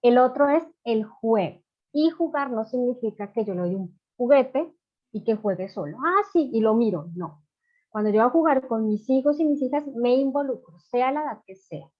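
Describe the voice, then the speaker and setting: A woman's voice: a little high, moderate pace. Woman giving a chatty parenting talk, dull audio. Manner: conversational, loose phrasing with many fillers. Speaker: parenting educator. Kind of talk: informal online masterclass talk.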